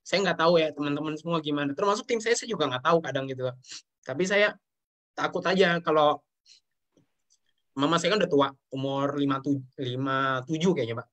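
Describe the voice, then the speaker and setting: A young man from Indonesia talks fast in a slightly high voice. He speaks earnestly and keeps addressing the host politely as he tells his story. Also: a bit bright. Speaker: guest sharing his business story. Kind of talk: emotional interview talk.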